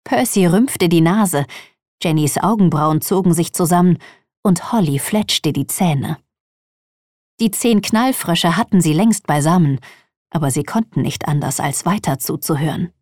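A woman narrating a children's audiobook in an expressive reading voice. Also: fairly low pitch, unhurried, no room sound, clean studio sound.

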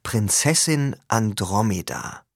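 A man reading a first-person story aloud as an audiobook, with expressive, lively storytelling. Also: on the low side, takes it slowly, gravelly, dry recording, clean studio sound. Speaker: audiobook reader.

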